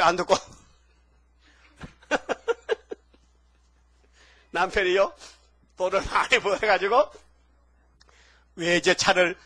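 A man's voice: high-pitched, a bit bright. A male pastor preaching a sermon, telling a story and asking the congregation rhetorical questions again and again.

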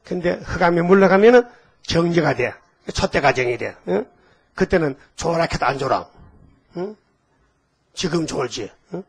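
A man's voice: fairly high pitch, animated, moderate pace, gravelly, long pauses, husky. An older pastor, preaching in a folksy storytelling way, quizzing his congregation and leading them in repeated readings. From Gyeongsang province, Korea. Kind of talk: sermon.

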